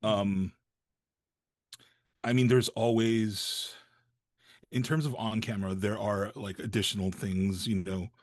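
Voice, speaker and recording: Man, low pitch, hesitant, reflective, dry close audio. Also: level tone, slow, pauses often, no room sound. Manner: thoughtful, hesitant, many fillers. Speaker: voice actor guest. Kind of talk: casual interview answer.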